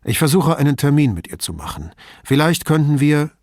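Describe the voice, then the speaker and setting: A man's voice: fairly high pitch, big pitch swings, brisk, darkish tone, no room sound, clean studio sound, pitched above the performer's own voice. A man playing a tactful police commissioner. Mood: polite. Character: tactful middle-aged male police commissioner.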